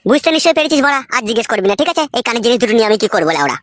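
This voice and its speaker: A woman playing a rough young village husband in a comic skit, swearing and talking crudely. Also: fairly high pitch, very animated, very fast, no room sound, clean studio sound. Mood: bossy.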